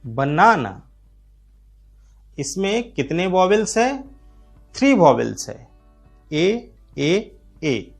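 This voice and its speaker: An Indian man gives an English reading lesson with a high, lively voice that rises and falls a lot. He talks slowly and stretches out each English term. Soft music plays behind him. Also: gravelly. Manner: slow, drawn-out delivery of English terms. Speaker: English teacher. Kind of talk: explanatory lesson.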